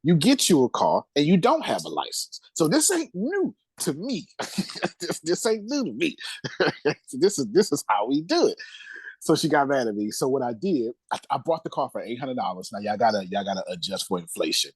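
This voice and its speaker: Man, husky voice, emphatic and repetitive, close dry mic. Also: mid-range voice, very animated, a little fast, no echo. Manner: emphatic, repeats phrases, streetwise slang. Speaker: podcast guest. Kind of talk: candid storytelling interview.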